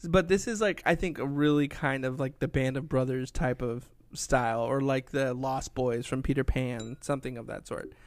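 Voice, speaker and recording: A young man co-hosting a casual podcast, rambling and searching for words with plenty of fillers. His voice sits at a middle pitch. It is recorded dry and close. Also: fairly even intonation, moderate pace, few pauses, dry recording. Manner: rambling, lots of fillers and likes, wraps up the show. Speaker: podcast co-host. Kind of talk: casual chat.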